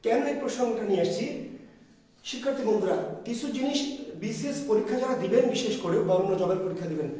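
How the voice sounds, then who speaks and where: A man's voice: high voice, expressive, fast talker, warm tone. A male teacher giving an online lecture, who asks his students questions and answers them himself. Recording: echoey room, voice far from the mic.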